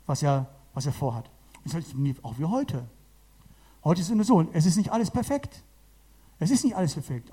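A man preaching to a gathering of about forty people, his voice mellow and warm yet a touch high. He talks with lively emphasis, circling back to repeat key phrases. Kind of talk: sermon to a congregation.

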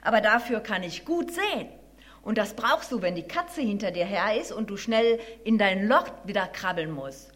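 A woman voicing a small, quick female mouse in a children's story, with a squeaky, eager way of talking. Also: expressive, close to an everyday voice. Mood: explaining. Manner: squeaky and bright, enthusiastic.

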